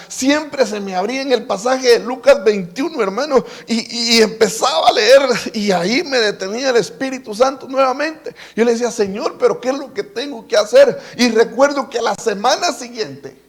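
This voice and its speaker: A man's voice: extremely high pitch, moderate pace, hardly any pauses. A man, telling a personal testimony in a sermon, often restarting and repeating words. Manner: storytelling with many repetitions and restarts. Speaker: preacher.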